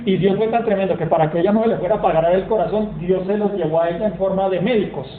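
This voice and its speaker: A man's voice: sits high, quick pace. A man preaching a sermon, telling stories with emphasis and reading scripture aloud. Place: church hall. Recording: tinny phone-like sound, echoey hall, faint noise.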